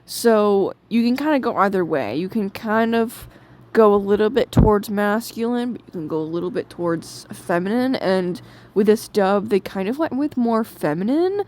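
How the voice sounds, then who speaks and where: A woman's voice: medium pitch, animated, normal speed, a little mellow, slight background noise. Brief: young woman host, casual, chatty, opinionated review commentary. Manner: chatty, lots of fillers, opinionated.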